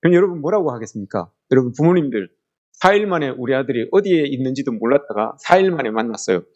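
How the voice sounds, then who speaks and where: Lively storytelling pastor, a man. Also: mid-range voice, quick pace, muffled recording. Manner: storytelling, asks the congregation questions often; acts out quoted lines in a raised voice. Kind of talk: family worship sermon.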